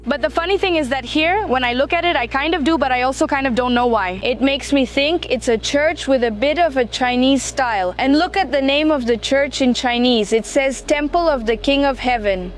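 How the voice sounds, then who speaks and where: A woman from Mexico, a travel vlogger giving curious, chatty commentary as she narrates. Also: high voice.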